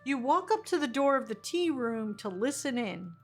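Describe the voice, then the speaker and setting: A woman's voice: high-pitched, sing-song, moderate pace, soft background music. A woman casually playing through a story game, reading text aloud and adding informal, playful asides. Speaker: streamer playing a narrative game.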